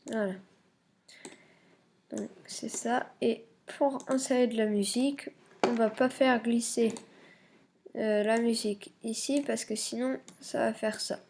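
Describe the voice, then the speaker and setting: A woman walking viewers through a software tutorial, hesitant and full of fillers, self-corrections and muttered asides. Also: fairly high pitch, steady tone, slow, gravelly, pauses often, slight background noise. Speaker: YouTube tutorial maker. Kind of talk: screen-recording software tutorial.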